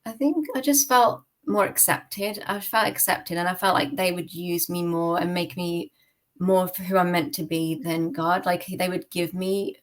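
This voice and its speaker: In a lowish, unhurried voice, a young British woman opens up about her personal story as an interview guest on a podcast, giving testimony. She's informal and reflective, frequently saying "like" and "you know".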